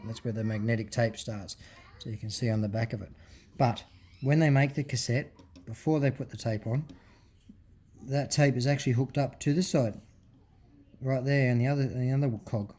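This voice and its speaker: This hobbyist presenter talks a little fast in a mellow mid-range voice, improvising his way through a casual teardown. He frequently says "um" and restarts his thoughts.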